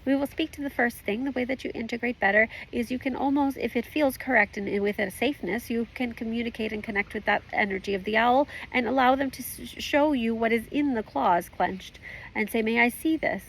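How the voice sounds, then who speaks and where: A woman voicing a calm, formal spirit guide as a seance medium, with creaky voice, stilted phrasing and questioning tags. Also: fairly high pitch, a little fast, slight background noise, low-quality recording. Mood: calm, instructive. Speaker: trance channeler at a group session. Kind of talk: trance channeling, spiritual guidance.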